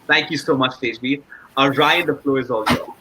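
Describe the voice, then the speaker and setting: A man's voice: mid-range voice, normal speed, noisy background. A young man moderating a panel with formal, scripted introductions.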